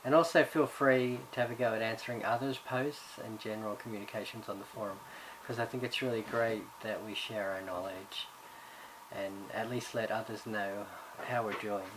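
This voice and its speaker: Hesitant and given to many fillers and restarts, an Ireland-born man raised in Australia introduces his course in a recording as subject coordinator. His voice is on the low side with fairly even intonation and a moderate pace. Background noise is audible.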